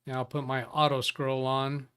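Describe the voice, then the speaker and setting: A man's voice: mid-range voice, flat delivery, moderate pace, pushed and bright, clear, resonant tone. A man hosting a live tech show in a casual, chatty way, greeting viewers by name and often restarting his sentences. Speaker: livestream tech show host. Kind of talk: casual live-stream chat.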